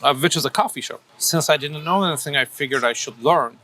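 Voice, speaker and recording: Man from Turkey, 30s, bright and fairly high voice, thoughtful interview guest with lots of restarts. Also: quick pace, slight background noise. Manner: thoughtful, many fillers and restarts. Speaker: coffee shop owner, guest. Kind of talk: casual interview answers.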